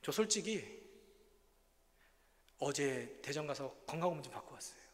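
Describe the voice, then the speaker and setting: A man's voice: on the high side, lively intonation, moderate pace. A missionary man giving an earnest, confessional sermon testimony in a church. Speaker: missionary preacher. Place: church sanctuary. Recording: reverberant church hall, faint ambience.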